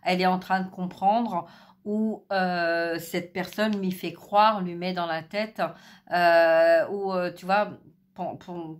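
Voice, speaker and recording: A middle-aged woman giving a spiritual card reading, hesitant with many fillers, speaking softly because she is losing her voice. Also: on the low side. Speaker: tarot card reader.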